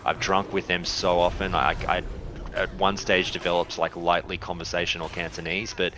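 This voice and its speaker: A man who hosts a podcast, chatting casually while gaming, animated and swearing, often mimicking other people. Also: low-pitched, normal speed, background noise. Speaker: podcast host.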